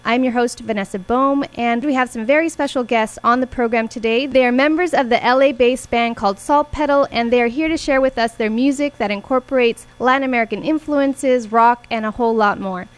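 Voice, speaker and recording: A woman hosting a community radio interview from the studio, with clear, scripted introductions. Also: on the high side, fairly quick, few pauses. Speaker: radio host.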